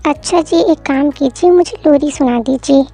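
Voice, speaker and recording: Brief: woman plays clingy newlywed wife, pleading and teasing, audio drama, high-pitched. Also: normal speed, mellow, faint music behind. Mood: whiny teasing. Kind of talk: Hindi fan audio drama.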